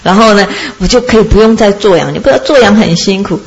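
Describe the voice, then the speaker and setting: A calm, resigned talking sheep from a spoken fable, put on by a woman. It speaks in a soft, lowered voice and pleads earnestly. It sounds gentle and quiet. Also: fast talker, gravelly, lo-fi sound, close to an everyday voice.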